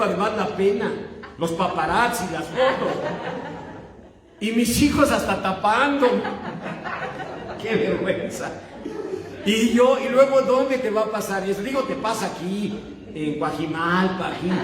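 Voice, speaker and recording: A middle-aged man with a Mexican accent, a pastor telling a self-mocking, animated story during a sermon. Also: high voice. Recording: echoey hall with long reverb.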